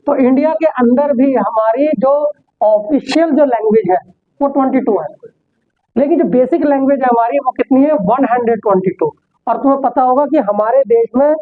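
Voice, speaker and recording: A man teaching an English class, explaining step by step and answering his own rhetorical questions. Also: very high-pitched. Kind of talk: classroom lecture. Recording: tinny phone-like sound.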